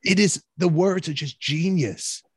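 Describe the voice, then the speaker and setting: A man, a musician, chatting earnestly about a late bandmate, halting and restarting his sentences. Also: fairly high pitch, breathy edge. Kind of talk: casual chat.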